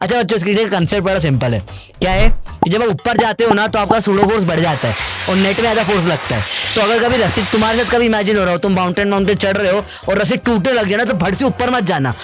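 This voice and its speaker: A man's voice: high voice, very fast. A young man, a physics teacher, bantering playfully in a quiz and laughing often. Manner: jokey, laughing, keeps calling things simple.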